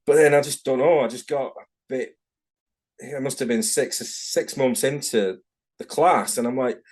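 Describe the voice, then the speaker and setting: This Manchester-born tattoo artist, middle-aged, speaks at normal speed in a mid-range voice with a darkish tone. During a casual interview by video call, he's candid and rambling and often corrects himself, his Manchester accent clear.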